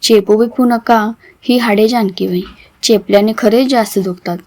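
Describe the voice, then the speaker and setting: A woman voicing a frail, ailing mother with a soft, tender delivery in a storybook reading. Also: medium pitch, fairly even intonation, normal speed, close to an everyday voice.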